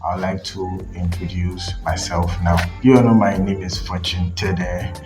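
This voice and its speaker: A man's voice: deep voice, unhurried, over music. A young man from Ghana and Nigeria hosting his tech channel, telling his story casually with many fillers and restarts. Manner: relaxed, rambling, frequent fillers and restarts.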